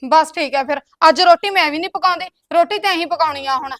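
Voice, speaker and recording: Brief: woman as a bossy, high-voiced sister-in-law, dry close sound. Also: quick pace, a bit bright, no room sound. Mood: nagging. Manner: scolding, keeps tagging lines with a curt "tell me". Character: bossy nagging elder sister-in-law, middle-aged woman. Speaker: elder sister-in-law in the household. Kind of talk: comedy skit acting.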